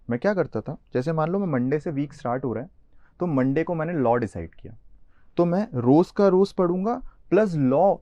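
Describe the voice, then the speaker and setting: A man's voice: fairly high pitch, warm tone, dry recording. A young man with an Indian accent, teaching a live online lecture in a chatty way, talking straight to his students. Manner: chatty, addresses students directly, mixes English terms. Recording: slightly dull, lo-fi.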